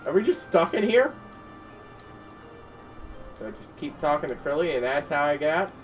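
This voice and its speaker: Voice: medium pitch, expressive, normal speed, distant mic. A streamer giving casual let's play commentary, swearing and reacting aloud to the game. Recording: voice set back from mic, game music behind.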